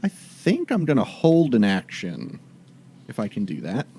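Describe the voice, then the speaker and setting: A man's voice: medium pitch, wildly swooping pitch, a little slow, dark tone, husky. A man playing a tabletop game, chatty and thinking his moves through aloud with many fillers. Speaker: player. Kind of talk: casual tabletop game play.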